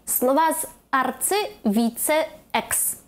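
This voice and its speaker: Woman language teacher, high-ish voice, clear and methodical explainer, slows on examples. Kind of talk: video lesson explaining stress rules.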